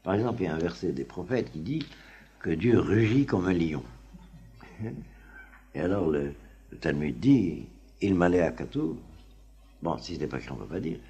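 A man teaching a class on the Talmud in an informal, halting lecture full of fillers and restarts. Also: low-pitched, sing-song, mellow. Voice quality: very husky voice. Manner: halting, many fillers and restarts, chuckles often.

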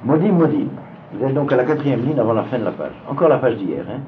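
A man's voice: medium pitch, expressive, fast talker. A man teaching a Talmud seminar to a class, hesitant, with many fillers and repeated words. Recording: phone-like lo-fi recording with faint noise.

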